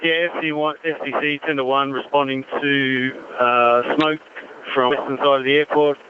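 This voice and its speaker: A man's voice: mid-range voice, flat delivery, normal speed. Tinny radio report from a man. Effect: two-way radio. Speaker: firefighter. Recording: tinny narrow-band radio, faint noise.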